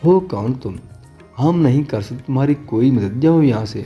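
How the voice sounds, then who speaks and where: A man's voice: medium pitch, animated, warm tone, slightly rough, soft background music. A man reading an audio novel, voicing an obsessive, threatening young man in a harsh manner.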